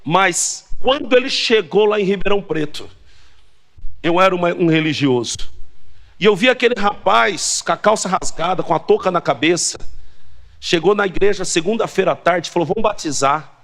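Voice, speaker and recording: A man preaching, his high voice carrying over the congregation. He stretches key lines slowly and loudly, then drops to a hushed, quick telling of his story. The tone is bright and forceful throughout. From Brazil. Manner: swings between shouted exhortation and hushed storytelling; slow emphatic declarations, quick asides. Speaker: pastor. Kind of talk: sermon. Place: church convention hall.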